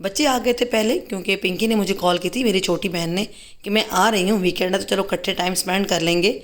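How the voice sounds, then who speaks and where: A woman's voice: mid-range voice, fast. A middle-aged Pakistani woman with a Pakistani accent narrating a casual home vlog, chatty and teasing her family. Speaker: vlogger. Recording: busy home with crowd chatter.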